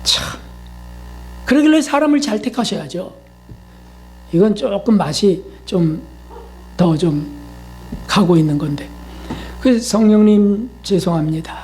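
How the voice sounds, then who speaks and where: A man's voice: high-pitched, animated, measured pace, long pauses, darkish tone, faint music behind. A male pastor preaching a sermon in a conversational style, often asking the congregation questions and acting out quoted voices.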